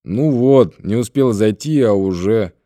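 A man voicing a lonely, quiet, reflective man in an audiobook. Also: on the low side, unhurried, no room sound, clean studio sound, lightly acted. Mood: plain.

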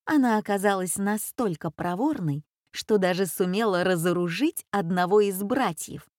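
A woman reading a children's story aloud in an expressive, dramatic way. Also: mid-range voice, normal speed, dry recording, clean studio sound.

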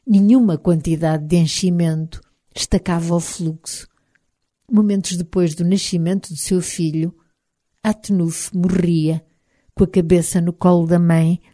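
A woman with a European Portuguese accent narrates a novel in the first person. Her voice sits a little low and sounds warm and mellow. She reads in a measured, expressive way, recorded dry with no room sound. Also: no room sound. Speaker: audiobook narrator.

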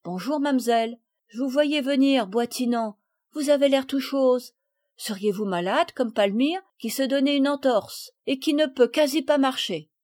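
A woman reader plays a blunt old peasant gardener in a storybook, raised and high in her voice, talking in rustic country speech. She scolds loudly, and the dry, close sound keeps every word close. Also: a little slow, dry recording. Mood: chatty. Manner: loud, scolding, high-pitched.

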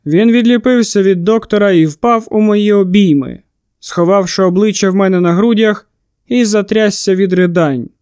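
A man's voice: sits high, moderate pace, darkish tone, smooth, no room sound. A man narrating a novel in the first person in a tense, dramatic reading on a close studio mic. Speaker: audiobook narrator.

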